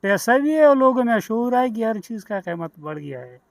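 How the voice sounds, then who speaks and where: A man with a Pakistani accent answers from his market stall in short, blunt bursts. His voice runs high. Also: sing-song, normal speed, no echo. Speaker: secondhand shoe seller. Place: outdoor street market.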